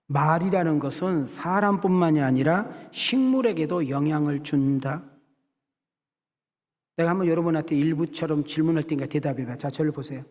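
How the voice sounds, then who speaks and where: A middle-aged South Korean senior pastor preaches to his congregation in a church sanctuary, the audio carrying a big-room sound. His voice is a little high and a little mellow at a moderate pace, and he often calls out to the people as he builds to emphatic passages.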